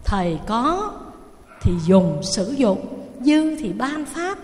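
A woman with a Southern Vietnamese accent voicing a calm, wise old male spiritual master who speaks gently and slowly, in a long reverberant hall. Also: a little high, voice pushed down. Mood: gentle.

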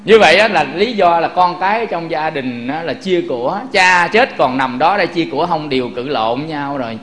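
A man's voice: a little high, lively intonation, normal speed, fairly bright tone, slight background noise. A man giving a Buddhist sermon, often turning to the audience with rhetorical questions. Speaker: Buddhist preacher. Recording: echoey room.

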